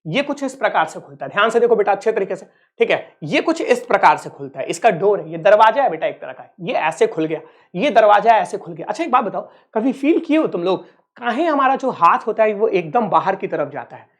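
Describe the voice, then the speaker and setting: A man's voice: sits high, expressive, a little fast. A man from Uttar Pradesh, India, teaching a physics lesson online in a playful, teasing way and calling his students kids. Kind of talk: online exam-prep lecture.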